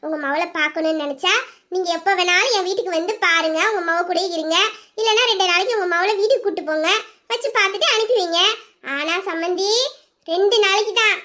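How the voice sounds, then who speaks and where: A woman's voice: extremely high pitch, fast talker, sharp tone. A woman voicing a cheerful village mother-in-law who chats and teases fondly about her daughter-in-law. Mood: teasing. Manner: chatty, teasing.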